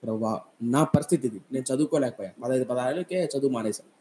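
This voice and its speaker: A poor teenage boy pours out a tearful prayer to God, lower and softer than the voice around him, as a male preacher puts him on. The delivery is hurried, with a dark, mellow tone. It is a grieving lament told inside a sermon. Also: a little hiss or hum, natural voice. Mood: tearful pleading.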